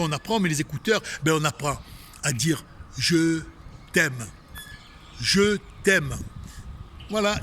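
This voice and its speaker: A man's voice: a little high, a bit bright. Man, Marseille accent, inspirational outdoor sermon, emphatic, repeats himself, talks to the listener; noisy open-air recording. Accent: Marseille French. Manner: emphatic, repetitive, addresses listeners directly. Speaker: spiritual speaker. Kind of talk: inspirational religious talk. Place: outdoors facing a tree.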